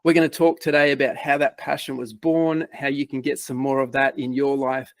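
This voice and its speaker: A man's voice: mid-range voice, flat delivery, brisk, dry recording. A man hosting a podcast, introducing his guest with enthusiasm and asking questions. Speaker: podcast host. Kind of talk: podcast interview.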